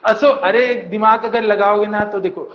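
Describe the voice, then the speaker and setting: A man's voice: high-pitched, steady tone, moderate pace. A man teaching a coaching class, drilling students with mnemonics in call-and-response. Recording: dull echoey classroom recording.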